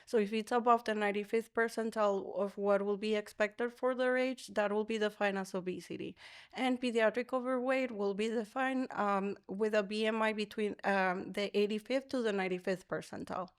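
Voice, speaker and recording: Clear-voiced woman from the Dominican Republic. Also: mid-range voice, fairly even intonation, normal speed. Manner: careful explanatory, frequent um fillers. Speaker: pediatric obesity physician guest. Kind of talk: podcast interview.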